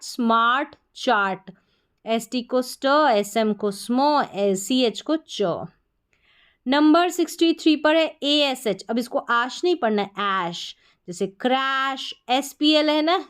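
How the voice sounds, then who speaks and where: A woman from India teaching an English spelling lesson, slowly sounding out words syllable by syllable. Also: high-pitched, smooth.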